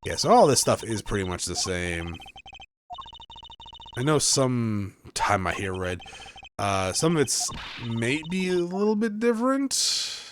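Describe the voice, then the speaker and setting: A man's voice: mid-range voice, big pitch swings, slow pace, slight background noise. A man hosting a let's play, commenting on a game in an offhand, joking way and laughing often. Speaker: gaming channel host.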